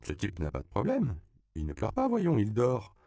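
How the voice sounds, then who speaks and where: A harried flight attendant with too much to handle, brisk and dismissive, lifted above a deep, gravelly reading voice, as a man plays her. Recorded close with no room sound. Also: wildly swooping pitch, dark tone, no room sound, heavily acted.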